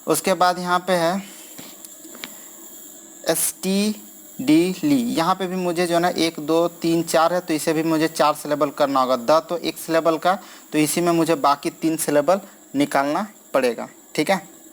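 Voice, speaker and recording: A man's voice: a little high, steady tone, normal speed. A man teaching verse scansion in an exam-prep lesson, counting feet aloud and stretching stressed syllables, with frequent okay fillers.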